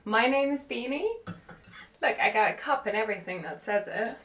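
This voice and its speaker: A woman's voice: on the high side, normal speed. A woman hosting her own show in casual, chatty talk, filming herself on a phone camera inside an old cottage. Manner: chatty, animated, self-deprecating. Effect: recorded on a phone camera. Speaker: podcast host. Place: room in an old country cottage, indoors. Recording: echoey room on a phone.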